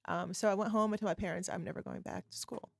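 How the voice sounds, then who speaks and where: A woman's voice: medium pitch, steady tone, quick pace, creaky, no echo. A middle-aged woman from Poland, a forensic psychologist guest, telling stories with many hesitant ums. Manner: hesitant, frequent ums, storytelling. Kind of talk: casual interview chat.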